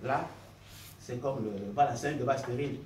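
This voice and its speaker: A medium-pitched, darkish male voice with fairly even intonation and normal speed pleads his case earnestly and argumentatively, unscripted, from the floor of a political gathering. He is a party member, heard indoors in a noisy, roomy hall via a distant mic.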